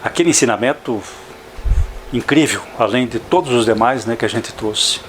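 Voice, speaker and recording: A man's voice: mid-range voice, moderate pace, a little hiss or hum. An older man, a veteran journalist, speaking as a guest in a radio studio interview, talking reflectively and often adding "não é?" tags. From Santa Catarina, southern Brazil.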